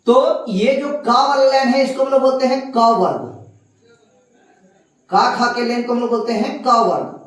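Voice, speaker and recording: A woman's voice: fairly high pitch, distant mic. Woman teacher in a very echoey room. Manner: patient, explains step by step, sounds out letters slowly. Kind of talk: classroom lesson.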